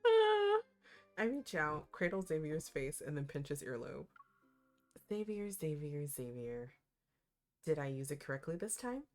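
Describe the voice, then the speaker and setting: An expressive, playful woman doing casual, slangy reaction commentary and reading game text aloud. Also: low voice, fairly quick, few pauses, faint music behind. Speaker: reaction host.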